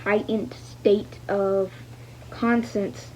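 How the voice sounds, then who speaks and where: A woman reads a novel aloud as a learner, her mid-range voice level and her words drawn out. The delivery is hesitant, full of stumbles, repeated fragments and spoken punctuation. The audio sounds dull and lo-fi, with a little noise.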